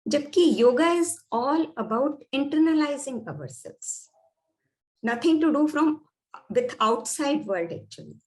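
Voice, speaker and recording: Indian woman lecturing, slightly high voice. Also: a little mellow. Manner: explanatory, mixing Hindi with English phrases. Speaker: doctor and yoga therapy teacher.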